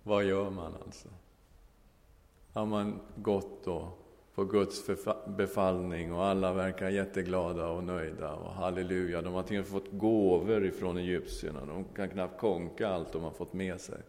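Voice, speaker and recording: A man's voice: deep voice, steady tone, vocal fry, darkish tone. A male preacher giving a sermon, telling a Bible story with humor and ending in prayer. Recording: long echoing hall reverb.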